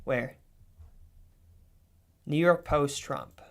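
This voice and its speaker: Profane, excitable young streamer guy. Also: fairly high pitch, drawn-out words. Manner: profane, excitable, swings between mutters and outbursts. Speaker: livestreamer. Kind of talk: casual livestream commentary.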